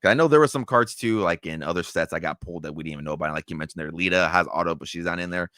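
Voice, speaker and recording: A male host rattles along at a quick clip in a lowish voice, upbeat and rambling. The sound is close and dry, with no room around him. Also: fairly bright tone, no room sound. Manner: fast, rambling, upbeat with fillers like "there". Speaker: podcast host. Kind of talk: casual chat.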